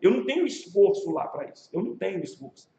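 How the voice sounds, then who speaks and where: A man with a Brazilian Portuguese accent, a pastor teaching a leadership class in a casual, animated storytelling way, asking his class rhetorical questions. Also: high-pitched, quick pace. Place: church classroom. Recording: echoey room, muffled sound.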